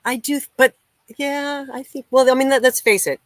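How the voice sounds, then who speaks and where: A woman's voice: sits high, steady tone, normal speed, dry recording. An American woman musician hosting a casual livestream, chatting and greeting viewers by name as she reads their comments. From United States. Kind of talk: casual live-chat hosting.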